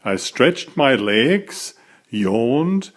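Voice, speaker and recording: Speaking in a mid-range voice, the author reads his children's story out loud, taking a careful, expressive storyteller's approach.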